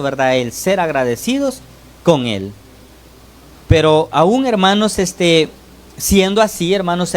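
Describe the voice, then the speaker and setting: The speaker is a lay preacher from El Salvador giving a sermon to his congregation. He regularly pauses to call on the brothers and ask "¿verdad?", while his voice shifts widely in pitch and loudness between phrases.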